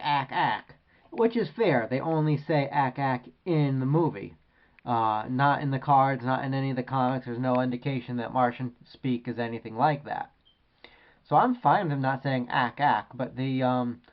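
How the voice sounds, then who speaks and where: A man's voice: medium pitch, dull audio. A man reviewing an action figure in a casual, rambling way with many hesitations. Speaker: toy collector reviewer.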